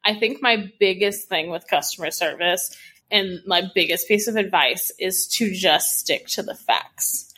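A woman of average pitch speaks as a co-host in a relaxed podcast conversation. She gives advice bluntly and emphatically, in loose slangy phrasing. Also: unhurried, breathy edge. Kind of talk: casual unscripted podcast chat.

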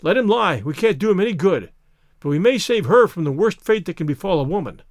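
A man performing a frantic storybook stranger, a desperate and fiercely protective man. He blusters and shouts in exclamations, high in pitch and leaping about, with a dry, close sound. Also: lively intonation, fairly quick, no echo. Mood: agitated.

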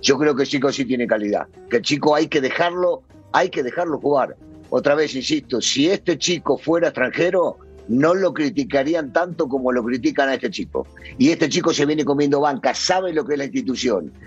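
A man's voice: mid-range voice, animated, normal speed, husky, dull audio, faint music behind. A man with an Argentine accent, a former player turned sports pundit, arguing his point insistently in a studio debate. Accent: Argentine Spanish. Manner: insistent, argumentative.

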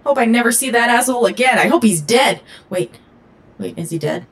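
A woman's voice: a little high, expressive, normal speed, husky. A woman playing a foul-mouthed, bitter shipboard AI in an audio comedy, blunt and sarcastic. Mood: snarky, bitter. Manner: blunt, snarky. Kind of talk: scripted audio comedy acting.

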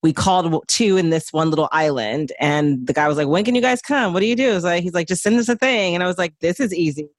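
A woman's voice: fairly low pitch, animated, fast talker, few pauses, no room sound. A woman in her forties from Houston, a doula and podcast guest, talking in an easygoing, chatty way and laughing often. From Houston, Texas. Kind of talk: casual interview chat.

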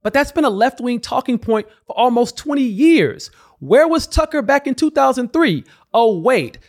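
Sarcastic, high-pitched man doing political commentary. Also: lively intonation, normal speed. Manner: sarcastic, mocking. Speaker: host.

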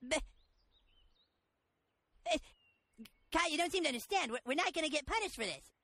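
A man's voice: very high-pitched, lively intonation, moderate pace, gravelly, pushed and bright, no echo, heavily acted. A man voicing a bratty, scheming cartoon boy who talks in a smug, whiny, indignant way. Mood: incredulous. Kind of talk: cartoon voice acting.

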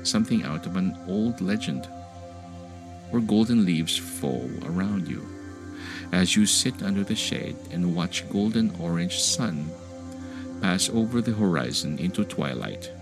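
A man guiding a meditation in a slow, soothing sleep-story style, with gentle, unhurried and calming instruction. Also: deep voice. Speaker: meditation podcast host and guide. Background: music behind the voice.

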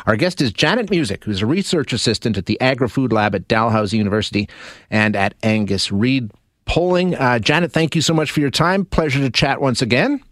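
A man's voice: mid-range voice, a little fast, no room sound, clean studio sound. A man hosting a radio interview in a chatty, conversational way. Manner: lively, chatty.

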